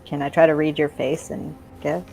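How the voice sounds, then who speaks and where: A woman's voice: low-pitched, level tone, moderate pace, creaky, darkish tone, slight background noise. A woman chatting casually at a tabletop game in a blunt, dry manner.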